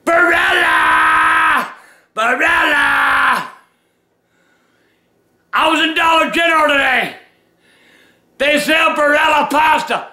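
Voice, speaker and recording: Old guy screaming n cussing in a rant, super high sharp voice, echoey room. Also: moderate pace, long pauses. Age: older. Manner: shouting, cursing angry rant. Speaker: web show host. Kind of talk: ranting comedy vlog.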